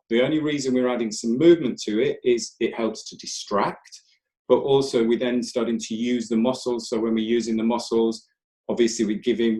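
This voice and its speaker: A man leading a live online breathwork class, counting breaths and giving calm, gentle step-by-step cues. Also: mid-range voice. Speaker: breathwork instructor. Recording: roomy echo.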